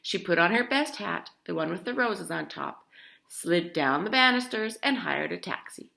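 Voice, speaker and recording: This storybook reader has a fairly low, creaky voice and speaks at normal speed. She reads a picture book expressively, addressing the children listening with questions as she goes.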